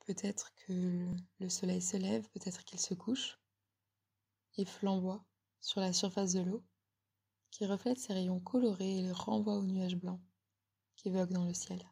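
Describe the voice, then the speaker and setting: A woman giving a slow, soothing guided relaxation in a breathy ASMR whisper, very close, as if right in the listener's ear. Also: medium pitch, flat delivery. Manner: slow, soothing, gently instructing.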